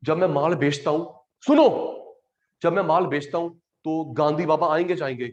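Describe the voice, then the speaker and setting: Mixing English terms into Hindi, an Indian-accented man leads an online class in an animated, teasing way. He speaks at normal speed in a slightly high voice, with the highs cut off in the recording.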